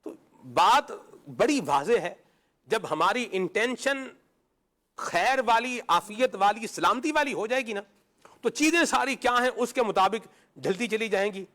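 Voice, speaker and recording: High-voiced man giving homely moral advice. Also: animated, sharp tone. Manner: explains with homely examples, asks and answers himself. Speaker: religious talk show panelist.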